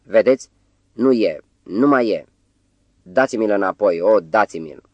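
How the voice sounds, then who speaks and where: A man's voice: on the low side, expressive, darkish tone, no room sound, muffled recording, natural voice. A man voicing a tearful, frantic young female secretary, pleading and sobbing. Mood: distraught.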